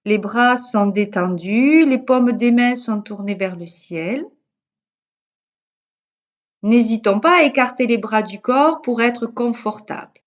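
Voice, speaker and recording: Leading yoga nidra very slowly, this yoga teacher uses a fairly high voice and a calm, measured delivery. Soothing pauses separate her instructions, while the recording sounds a little dull and lo-fi.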